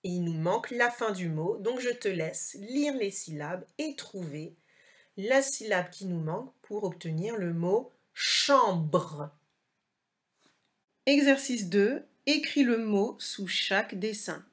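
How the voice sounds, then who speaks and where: A woman teacher, recording a slow dictation lesson for a child and carefully articulating each word. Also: mid-range voice, lively intonation.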